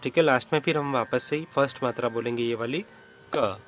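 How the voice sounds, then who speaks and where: A man's voice: mid-range voice, fast talker, a bit bright, slight background noise. A man teaching a step-by-step rhythm lesson, patiently counting beats and reciting the syllables of each one. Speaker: music teacher.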